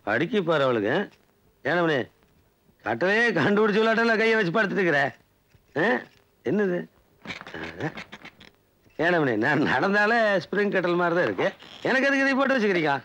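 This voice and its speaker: A man's voice: sits high, very animated, normal speed, long pauses, a bit bright, a little hiss or hum. An actor playing a gray-haired village man who grumbles and teases in a film scene. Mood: grumbling.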